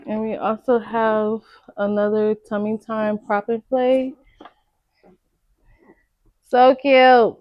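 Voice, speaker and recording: A young pregnant woman unboxes gifts in an easy, gushing vlog chat, full of slangy exclamations and delight. She talks slowly and unhurried. The sound is dry and close but a little dull and muffled. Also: a little high, little pitch movement, dry recording. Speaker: vlogger.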